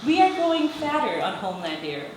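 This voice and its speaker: A woman's voice: fairly high pitch, fairly quick. Woman reading poetry in an echoey room. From England. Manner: expressive reading, relaxed chatty asides. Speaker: poet. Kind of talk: live poetry reading with chatty asides. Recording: very echoey room, faint background noise.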